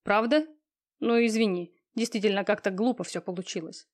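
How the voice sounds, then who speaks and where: A woman's voice: medium pitch, normal speed, natural voice. A woman voicing a smug, cold, lazy young man in an audiobook, talking in an offhand, sneering way with coarse slang. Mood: irritated. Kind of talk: audiobook reading.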